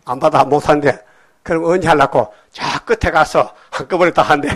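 Animated Korean male preacher, higher voice. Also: a little fast. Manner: animated storytelling, often prodding listeners with questions. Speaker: pastor. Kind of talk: sermon.

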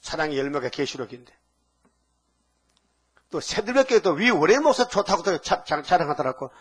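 An older male pastor preaches, firing off rhetorical questions and asides. His voice sits a little high for a man and has a husky edge. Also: big pitch swings, moderate pace. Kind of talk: sermon.

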